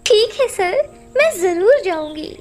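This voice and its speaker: Cartoon girl bird, very high childlike voice, gentle, music behind. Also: very animated, takes it slowly, exaggerated voice. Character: bright, clever young girl bird, gentle.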